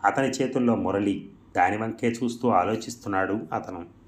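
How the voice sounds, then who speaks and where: A man reading a story aloud in a measured, reflective way. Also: lowish voice. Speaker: narrator. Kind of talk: storybook narration.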